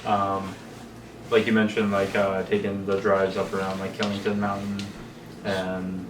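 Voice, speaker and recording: A man hosting a casual interview, speaking in a halting, informal way. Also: low voice, monotone. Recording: echoey room, distant mic, noisy background.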